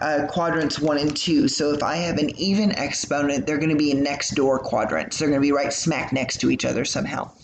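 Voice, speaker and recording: A man's voice: fairly high pitch, vocal fry. A man teaching a recorded math lesson, explaining in a casual, chatty way with lots of fillers. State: yawning, tired. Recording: echoey room with faint hum.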